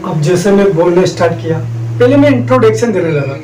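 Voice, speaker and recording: A man's voice: sits high, animated, brisk, over music. A man speaking as a motivational speaker, telling a personal story dramatically, with repeated rhetorical questions. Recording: roomy, distant, noisy recording.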